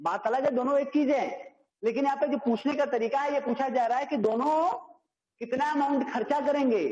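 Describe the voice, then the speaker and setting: A man's voice: very high voice, a little fast, a little mellow. A man with an Indian accent teaching a maths class online, strict and repeating his phrases. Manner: strict, repeats phrases, mixes Hindi and English. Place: classroom or home at a board. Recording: echoey, dull lo-fi online class audio.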